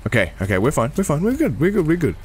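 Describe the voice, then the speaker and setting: A young man giving casual gameplay commentary, excitable and laughing often, peppering his talk with "bro". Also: on the high side, racing, slight background noise. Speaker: gamer.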